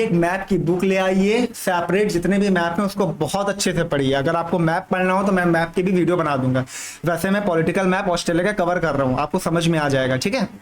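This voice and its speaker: High-voiced man teaching exam prep. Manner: repetitive, checks in with "thik hai" constantly; drawls key terms slowly. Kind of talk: general studies lesson over a map.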